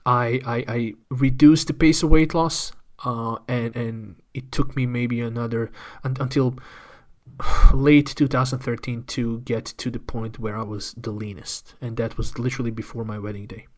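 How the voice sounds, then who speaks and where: This podcast guest is a Croatian man in his thirties with Croatian as his first language. Telling a candid personal story at normal speed, he keeps a medium pitch and fairly even intonation, and he tends to repeat words as he thinks.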